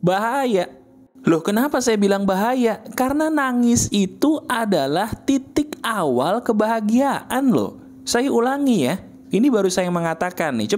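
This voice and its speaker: In a direct-address motivational monologue, the speaker shifts between hushed, low murmuring and high, emphatic outbursts. He's intimate and coaxing, repeating himself often and asking rhetorical questions.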